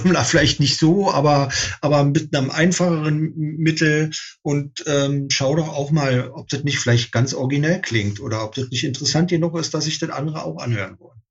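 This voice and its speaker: A man's voice: on the high side, normal speed, husky, dull audio. A man speaking as an interview guest, composer, in casual talk, thoughtful, with many fillers and restarts.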